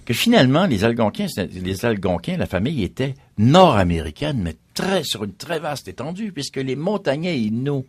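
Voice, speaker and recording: A man's voice: medium pitch, big pitch swings, moderate pace, few pauses, husky, no echo. A man, a history guest explaining at length in a radio interview and listing names one after another.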